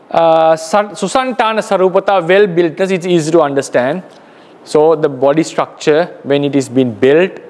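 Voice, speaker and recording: Man, Sri Lankan accent, Buddhist monk, lecturing, high voice, long reverb. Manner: slow, explanatory, with pauses and self-corrections. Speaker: Buddhist monk teaching a course.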